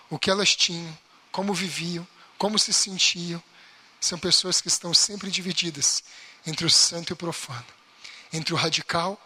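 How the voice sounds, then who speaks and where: A man from Brazil, preaching a lively baptism class sermon and acting out everyday complaints. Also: on the high side, slightly rough. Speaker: pastor.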